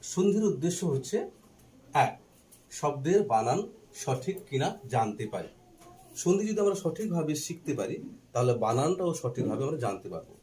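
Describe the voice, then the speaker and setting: A man teaching a Bengali grammar lesson, slowly spelling out letters and asking and answering his own questions, with a faint Bangladeshi Bengali accent. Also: fairly high pitch, sing-song, dark tone. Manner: slow and deliberate while writing, spelling out letters.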